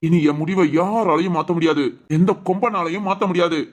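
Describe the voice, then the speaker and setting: A stubborn, hot-headed grown son in a cartoon, voiced by a woman, fiercely protective of his mother. He talks very fast, ranting and insisting on getting his way. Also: fairly low pitch, close to an everyday voice. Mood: indignant. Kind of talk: Tamil family cartoon voice acting.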